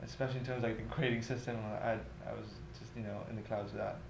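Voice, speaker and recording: A man's voice: fairly low pitch, level tone, quick pace. A man in his twenties from Tanzania, a college student talking in a casual, easygoing way in a documentary interview, often saying "you know". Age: 20s. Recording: echoey room with clear background noise.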